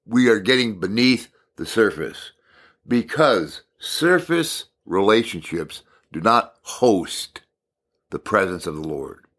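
A man with a somewhat low voice teaches a devotional message calmly and without hurry, pausing thoughtfully. His voice is a little raspy from lots of talking.

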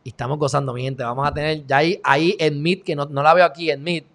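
A man with a Puerto Rican Spanish accent hosts his live stream, his voice sitting a little higher than most men's. He talks casually and heatedly, tossing in mocking, sarcastic asides as he works through the chat. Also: fairly even intonation, quick pace, fairly bright tone. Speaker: online show host.

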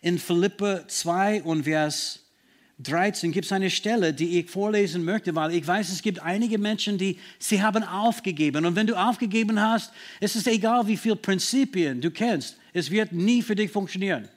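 A man preaching a sermon in an earnest, emphatic way, slowing down to stress key words, with slightly non-native phrasing. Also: sits high.

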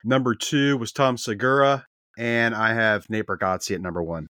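A man's voice: medium pitch, fairly even intonation, normal speed, pushed and bright, no room sound, clean studio sound. A man co-hosting a podcast in casual chat, telling stories in a chatty way. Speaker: podcast co-host.

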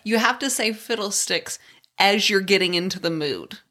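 A woman's voice: medium pitch, animated, normal speed, pushed and bright. A woman co-hosting a podcast in casual chat, laughing a lot and going off on jokey tangents. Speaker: podcast co-host.

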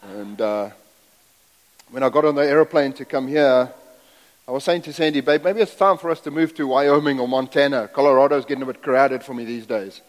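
A man's voice: medium pitch, fairly quick. A middle-aged man from Zambia, raised in South Africa, preaching as a guest in a church in a folksy, self-deprecating way, rambling into asides. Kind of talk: sermon. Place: church sanctuary. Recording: long hall reverb.

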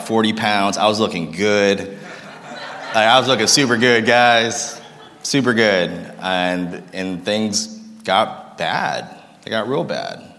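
A man in his thirties, from Massachusetts, with a low voice shares his life story with a live audience. He talks casually, pokes fun at himself and jokes with the crowd, and his voice rings out with the long reverb of a big room. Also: fairly bright tone. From Massachusetts, United States. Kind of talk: personal testimony talk to an audience.

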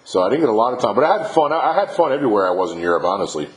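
A man in his fifties hosts a relaxed interview over a remote call, rattling along quickly and calling his guest "man" again and again. His voice bounces around a noticeably roomy space, so every phrase carries a little echo. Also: lowish voice. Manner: easygoing, says "man" a lot. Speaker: podcast host. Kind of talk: casual interview.

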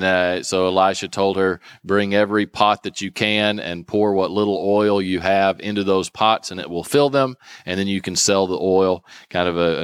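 Lowish guy going thru bible chapters, lots of ums, smooth voice, dry sound. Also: no room sound. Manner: hesitant, many ums and restarts. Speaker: Bible study teacher. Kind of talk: casual Bible lesson retelling.

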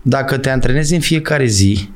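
A middle-aged man, a former footballer, telling stories in a casual interview, talking emphatically and calling out to his listener. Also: medium pitch. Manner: animated, emphatic, calls the listener "bă" and "frate".

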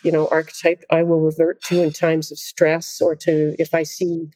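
A middle-aged woman, a conductor and interview guest, telling animated, self-deprecating stories in casual conversation. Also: sits low, normal speed. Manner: animated, self-deprecating anecdotes with frequent laughter.

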